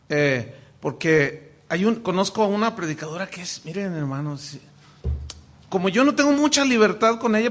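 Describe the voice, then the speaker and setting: A man with a Mexican accent, a pastor teaching a lesson on preaching in a lively, joking way with many restarts. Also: high-pitched. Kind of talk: sermon-style lesson.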